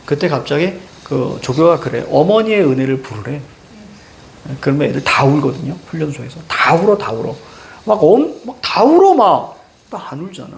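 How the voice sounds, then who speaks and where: A man's voice: on the high side, moderate pace, creaky. A male teacher giving a classroom lecture, telling stories with jokey asides. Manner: animated storytelling, jokey asides.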